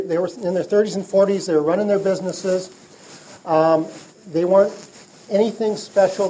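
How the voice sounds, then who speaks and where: A middle-aged man giving a speech to a trade group, telling stories in a halting way with many fillers and restarts. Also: high-pitched, mellow, a little hiss or hum, rough recording. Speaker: speaker addressing a trade group. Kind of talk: public speech with storytelling.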